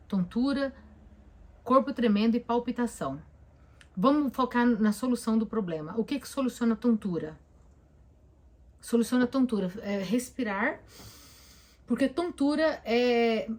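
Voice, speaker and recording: A woman with a Brazilian Portuguese accent, a therapist giving casual advice on a live stream, talking emphatically and repeating points as she coaches listeners directly. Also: a little high.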